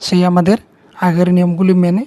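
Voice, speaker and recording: Woman teaching grammar, mellow and dry. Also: fairly low pitch, level tone, brisk, dry recording. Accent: Bengali. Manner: patient, step-by-step explaining, repeats key words. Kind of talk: explaining English grammar to students.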